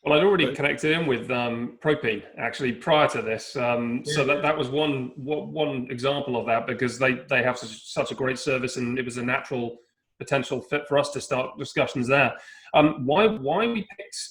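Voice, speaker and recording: Measured man from London on a panel. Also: medium pitch, a bit bright, poor audio. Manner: measured, with frequent restarts and hedges. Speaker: panelist, startup founder. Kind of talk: panel discussion.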